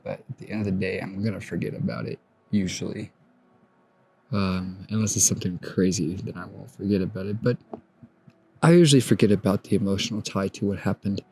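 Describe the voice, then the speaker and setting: A young man in his twenties with a fairly low voice talks slowly through his thoughts on his own podcast. He muses softly, trails off and starts sentences over, recorded outdoors at sunrise. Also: creaky, slightly rough. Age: 20s. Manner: soft-spoken, musing, trails off and restarts. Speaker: podcast host. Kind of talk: reflective solo podcast monologue.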